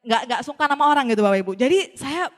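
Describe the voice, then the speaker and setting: Fast, high-voiced woman telling a story. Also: big-room sound. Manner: lively, acts out the dialogue as she tells it; addresses the audience often. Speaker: speaker giving a testimony. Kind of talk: storytelling talk to an audience.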